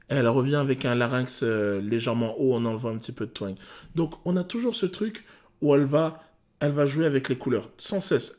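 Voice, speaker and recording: Male vocal coach, slightly high voice, animated, breaks down singing technique with lots of pauses. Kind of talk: explanatory song analysis.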